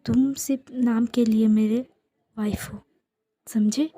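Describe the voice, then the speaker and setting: A woman's voice: fairly high pitch, fairly even intonation, slow pace, dark tone, no echo. A woman voicing a cold, harsh young man who dismisses his new spouse, in a whispered role-play. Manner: curt and dismissive.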